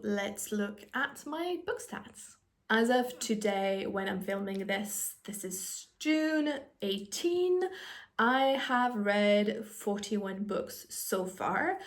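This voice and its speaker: This is a woman, a native French speaker, hosting a casual book vlog. She talks in a chatty, friendly way, dropping in plenty of ums. Her voice sits at an ordinary middle pitch. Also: darkish tone. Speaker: book vlogger. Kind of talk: casual reading-update vlog.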